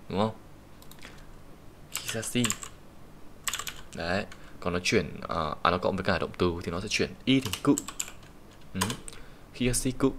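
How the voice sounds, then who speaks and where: A man with a Vietnamese accent teaching Japanese kanji in an online lesson, patiently explaining each reading and saying the Japanese example sentences slowly. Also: deep voice. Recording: faint background hiss and keyboard typing.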